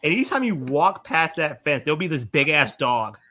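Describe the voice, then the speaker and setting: Lively, excitable man. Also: on the high side, moderate pace. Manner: excitable, filler-heavy storytelling. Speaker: podcast co-host. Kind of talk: casual chat.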